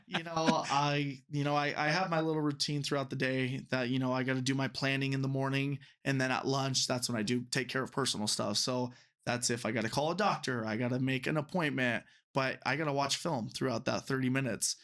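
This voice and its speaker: He talks fairly quickly in a steady, medium-pitched, slightly bright voice. A referee and teacher from the United States in his twenties, he's a chatty interview guest who wanders in his answers and uses many "you know" fillers.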